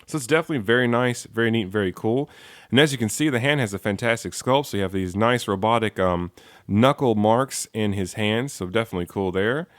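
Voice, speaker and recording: A man's voice: fairly low pitch, fairly quick, no echo. Enthusiastic man reviewing a toy, dry close mic. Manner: enthusiastic, repeats praise words, frequent ums. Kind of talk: casual product review.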